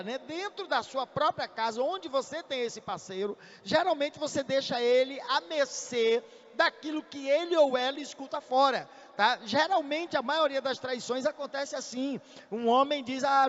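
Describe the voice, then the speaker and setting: High-voiced Brazilian man teaching in church. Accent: Brazilian Portuguese. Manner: measured, checks in with "tá?" tag questions. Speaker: church speaker on marriage. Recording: echoey hall, dull lo-fi sound.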